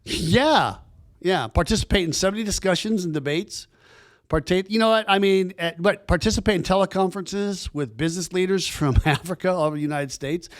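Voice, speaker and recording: He's a podcast host whose voice sits high and runs a little fast. Casual and eager, he rambles through his guest's introduction with lots of restarts.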